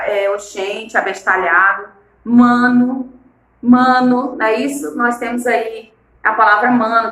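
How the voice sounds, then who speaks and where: In a low-quality recording from an echoey room, a woman teacher from Maranhão speaks with a northeastern Brazilian accent, her voice a little high and sharp. She is explaining a lesson in a recorded online class and throws rhetorical questions at her students.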